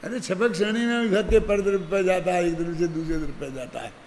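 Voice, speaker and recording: An older man gives a religious discourse in a high, gravelly voice. He talks conversationally and keeps checking that his listeners follow. The recording has a long hall reverb and faint background noise. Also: a little fast, a little mellow. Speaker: Jain scripture teacher.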